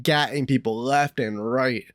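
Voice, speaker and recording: A man's voice: mid-range voice, unhurried, fairly bright tone, no room sound, clean studio sound. A man doing casual live reaction commentary as a streamer, slangy and exclamatory, with swearing.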